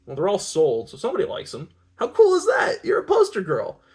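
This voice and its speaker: A man doing a gushing, high-pitched young male artist. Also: very animated, fast talker, mellow.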